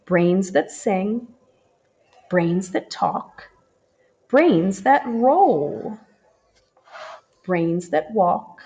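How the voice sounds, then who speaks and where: With a medium-pitched voice, a woman teacher reads a picture book to children in a slow, gentle, expressive way. The camera hangs above the book as hands turn pages, and the audio quality is poor.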